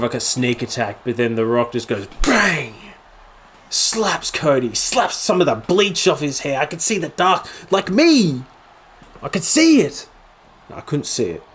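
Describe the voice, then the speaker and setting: A young man casually recapping a wrestling event, getting excited and acting out the moments with sudden high outbursts. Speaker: wrestling commentary YouTuber.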